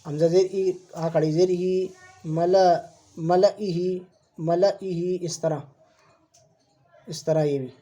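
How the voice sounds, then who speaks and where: A Quran reading teacher giving an online lesson, spelling out letters and vowel marks syllable by syllable, repeating words slowly and patiently explaining rules to viewers. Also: medium pitch, warm tone, highs cut off.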